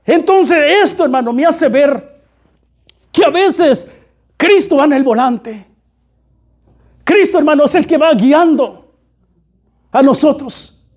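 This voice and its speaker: A man's voice: extremely high pitch, animated, takes it slowly, long pauses, darkish tone. A man preaching a fervent sermon, constantly calling his listeners brother. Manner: fervent, repeatedly addressing "hermano".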